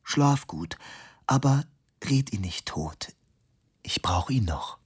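Ein Mann, der in einer Hörbuchlesung eine freche, verführerische blonde Frau spricht, die neckt und teils flüstert. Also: male voice, fairly low pitch, very animated, measured pace, breathy edge, exaggerated voice. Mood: teasing. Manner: teasing, bold, partly whispered. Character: brash flirtatious blonde woman.

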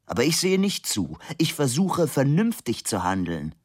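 A man's voice: mid-range voice, huge pitch swings, normal speed, no room sound, studio quality, voice pushed up. A man reading an audiobook voices an earnest young man arguing urgently for acting with reason.

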